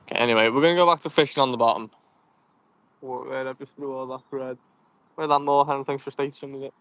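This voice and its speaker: A man's voice: mid-range voice, steady tone, fast talker, a bit bright, no echo. A young man with a Scouse accent, chatting casually and laughing often as he fishes outdoors and answers viewer comments. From Liverpool, England. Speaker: fishing vlogger. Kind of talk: casual live-stream chat while fishing. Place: outdoors by cold water.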